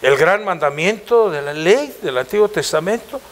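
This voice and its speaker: Mexican pastor preaching hard, high voice, keeps throwing questions at the church. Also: male voice, animated, moderate pace. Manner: impassioned, asks the congregation rhetorical questions. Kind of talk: sermon.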